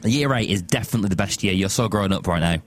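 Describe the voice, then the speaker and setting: A man with a Lancashire accent hosting a radio breakfast show, excitable and mock-dramatic, laughing often. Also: lowish voice, fast talker, faint music behind. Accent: Northern English, Lancashire. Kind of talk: lively radio chat. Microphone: studio microphone.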